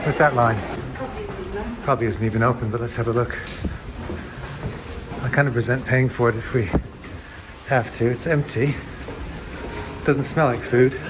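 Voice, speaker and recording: A man's voice: mid-range voice, steady tone, normal speed, pauses often, music in the background, poor audio. A man co-hosting a cruise vlog. He gives wry, understated commentary on board a ship. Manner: wry, understated, dry humor.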